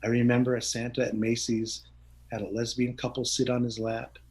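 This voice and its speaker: A man's voice: mid-range voice, monotone, a little fast, darkish tone, poor audio. A middle-aged man as an interview guest, talking openly and earnestly, often laughing and restarting his words. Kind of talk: reflective conversational interview.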